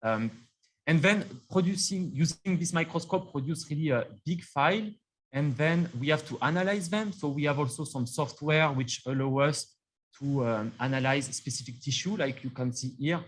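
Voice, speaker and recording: Male scientist presenting over a video call, halting delivery, fairly high pitch, sound dropping in and out from a distant computer mic. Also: slight background noise. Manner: hesitant, many fillers and restarts. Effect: sound cutting in and out like a loose cable. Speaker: microscopy facility scientist presenting. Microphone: computer mic, speaker too far from it.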